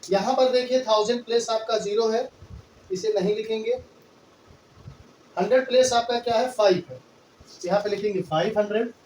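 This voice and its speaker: A man's voice: sits high, moderate pace, long pauses, a little mellow, slight background noise. A man teaching a maths lesson in Hindi-English mix, patiently counting out place values step by step. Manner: patient, repetitive counting aloud. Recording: echoey room, voice from far off.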